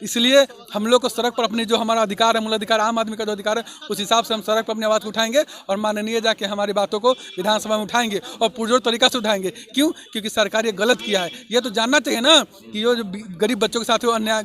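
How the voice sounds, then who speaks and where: High, bright, fast-talking man. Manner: forceful, rhetorical, pleading. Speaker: protesting teacher candidate. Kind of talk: impassioned street interview. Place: street protest outdoors.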